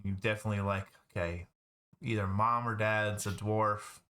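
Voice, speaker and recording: A man narrating a tabletop game as game master, describing scenes in a relaxed, drawn-out way. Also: fairly low pitch.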